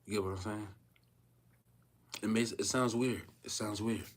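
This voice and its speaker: A rambling man in his thirties chats loosely to his livestream viewers. His voice sits on the low side, and he circles back on his own phrases again and again. His pace is unhurried and laid-back. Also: steady tone. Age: 30s. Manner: rambling, repeats himself, keeps asking "you feel me". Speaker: vlogger. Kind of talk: casual livestream talk to viewers.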